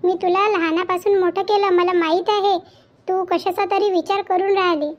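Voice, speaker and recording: A woman voicing an aging widowed mother in a cartoon, gentle and comforting. She talks in a soothing, motherly way. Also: very high-pitched, steady tone, moderate pace. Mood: coaxing. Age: older. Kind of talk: Marathi cartoon voice acting. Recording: dull lo-fi with faint background music.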